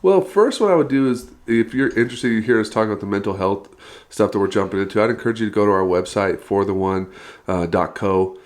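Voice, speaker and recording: In a casual podcast interview, a thirtysomething guest pastor from California talks quickly in a low-leaning voice. His energy is upbeat, and he often laughs between his "ums" and other fillers.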